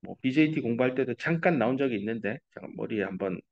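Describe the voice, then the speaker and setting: A middle-aged man lecturing as a university professor, talking through each point in a relaxed, explanatory way. His voice sits at a middle pitch, and the lecture room recording sounds slightly dull and lo-fi. He drops English terms into casual asides. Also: fast talker, creaky.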